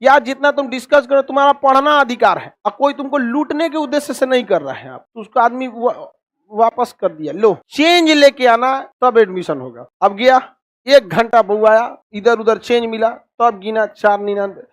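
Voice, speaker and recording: A man's voice: very high voice, normal speed, a bit bright, dry recording, clean studio sound. A man giving a classroom lecture as a teacher, blunt and scolding, full of rhetorical questions.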